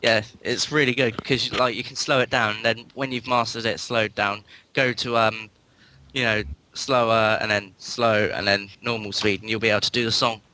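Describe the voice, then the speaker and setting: A man's voice: lowish voice, flat delivery, normal speed, sharp tone, poor audio. A man with an English accent chatting casually as a panelist on a gaming podcast. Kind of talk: casual chat.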